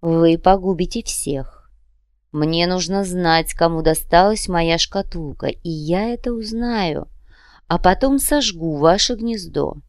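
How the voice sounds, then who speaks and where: A woman's voice: on the low side, takes it slowly, dry recording, studio quality. A woman voicing a polite but menacing male demon commissar who threatens in a cold, courteous way. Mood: cold menace. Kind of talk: audiobook character reading.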